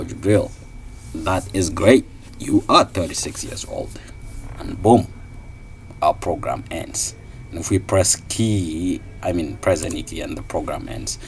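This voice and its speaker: A Somali man in his thirties gives a casual, screen-recorded coding tutorial, thinking out loud with lots of fillers and restarts. His voice sits low, and there's a bit of background noise behind him.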